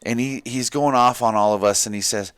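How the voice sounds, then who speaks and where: A man's voice: mid-range voice, brisk, a bit bright, clean tone, no room sound. Blunt man, dry close voice. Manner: blunt, profane storytelling. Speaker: guest. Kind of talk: casual chat.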